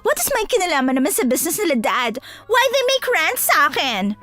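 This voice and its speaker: A woman's voice: high voice, very animated, brisk, fairly bright tone, soft background music. A woman voicing a vain, dramatic, spoiled rich young woman who speaks in a posh, whiny mix of English and Tagalog. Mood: bratty.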